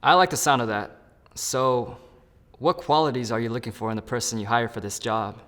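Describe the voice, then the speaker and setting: His voice is mid-pitched and a touch bright, moving at a fairly quick clip with a long reverb tail behind it. It's a scripted role-play where he's the candidate in a phone interview, turning to the viewer now and then to cheerfully explain each step.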